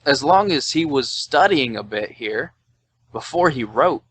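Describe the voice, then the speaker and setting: A drunk podcast host in his twenties chats loosely at home in Tennessee, rambling, swearing, and reading things aloud in mock quotes over faint music. His mid-range voice is animated, unhurried, and a bit bright, with a little hiss or hum in the recording.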